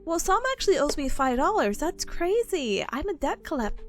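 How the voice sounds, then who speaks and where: High-pitched cute anime-streamer young woman. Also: sing-song. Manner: playful, giggly, drawn-out exclamations. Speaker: VTuber livestream host. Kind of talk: casual livestream chat greeting viewers. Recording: music playing behind the voice. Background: music.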